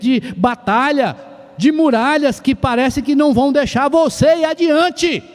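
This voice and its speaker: A man from Brazil, preaching a sermon as pastor, asking rhetorical questions and rising to loud shouted exclamations. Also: very high voice. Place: church sanctuary. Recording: long church hall reverb.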